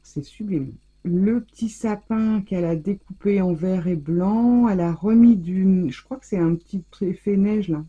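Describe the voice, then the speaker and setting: A woman's voice: mid-range voice, moderate pace, few pauses, mellow, husky, lo-fi sound. A woman hosting a casual scrapbooking vlog, effusively gushing over the handmade gifts she unwraps. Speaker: scrapbooking channel host. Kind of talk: casual mail-opening vlog.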